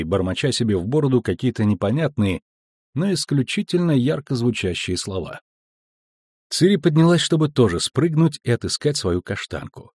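Guy reading an audiobook, husky, really lively pitch, dry close mic. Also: no room sound. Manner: expressive, measured storytelling. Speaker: audiobook narrator.

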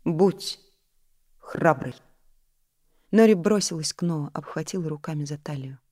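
A woman narrating a novel in a calm, measured reading voice. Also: low voice, dry recording, studio quality. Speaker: audiobook narrator. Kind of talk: scripted narration.

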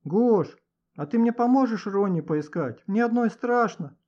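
A man's voice: high voice, animated, a little slow, darkish tone, lo-fi sound, voice pushed up. A man voicing a timid, whiny schoolgirl who sobs and pleads, in a storybook reading. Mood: tearful. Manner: sobbing, pleading.

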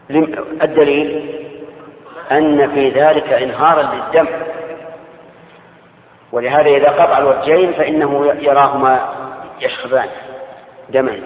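Older scholar in a tinny echoing hall. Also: male voice, mid-range voice. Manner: measured, explanatory, answers students' questions. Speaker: Islamic scholar teaching a class. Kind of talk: classroom lecture on Islamic law. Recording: tinny lo-fi lecture hall recording.

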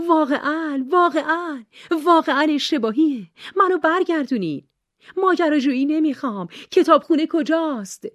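A woman voicing a terrified young woman stranded alone on arctic ice, pleading and shouting in panic. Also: sits high, dry recording, studio quality, pitched above the performer's own voice.

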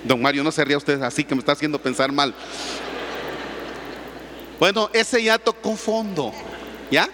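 A man, a priest giving an animated, teasing sermon in a large church. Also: on the high side, moderate pace, pauses often, long reverb tail, noisy background. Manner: animated storytelling, teasing the congregation.

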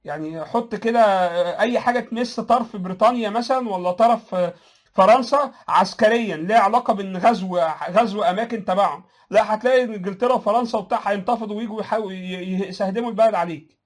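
A man's voice: high-pitched, racing. A man with an Egyptian Arabic accent gives casual political commentary, answering viewers with sarcasm, laughing at his own points and restarting his phrases often.

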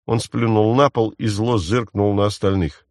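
A man narrating an audiobook in a steady storytelling manner. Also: on the low side, moderate pace, dry recording, clean studio sound.

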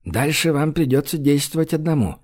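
A man's voice: a little high, expressive, a little fast, darkish tone. A kindly, devout merchant talks in an earnest, caring way, as a male narrator voices him. He warns and blesses in a fantasy audiobook reading.

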